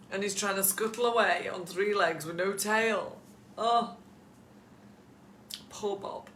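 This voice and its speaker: A woman's voice: lowish voice, pushed and bright, echoey room, a little hiss or hum. A woman coaching photographers in a casual live session from home, chatty and encouraging, addressing viewers by name. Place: at home with pets nearby.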